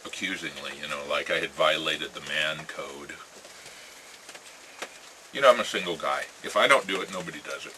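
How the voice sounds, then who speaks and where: A very deep-voiced American man talks casually in a musing, halting way, letting phrases trail off. Clear ambient noise and birdsong sit behind his voice. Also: pushed and bright, rough recording. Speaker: pipe-smoking vlogger. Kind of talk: casual rambling chat to camera.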